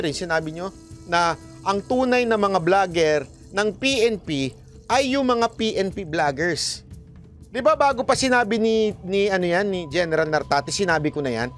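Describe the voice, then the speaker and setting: A man's voice: sits high, lively intonation, moderate pace, soft background music. A man vlogger giving casual commentary on the news, addressing officials directly and laughing at his own jokes.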